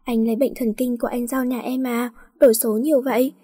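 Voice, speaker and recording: A woman's voice: a little high, steady tone, fairly quick, dark tone, slightly rough, no echo, studio quality. A woman voicing a sulky, teasing young wife in a storybook reading, speaking in curt, pouty replies.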